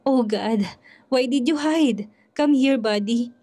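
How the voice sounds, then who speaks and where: A woman voicing a rich young father who is gentle but firm, speaking softly and coaxingly. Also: fairly high pitch, little pitch movement, moderate pace, lightly acted.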